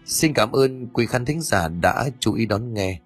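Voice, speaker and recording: A man narrating a ghost story in a dramatic, measured storytelling manner. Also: medium pitch, lively intonation, slightly rough, faint music behind.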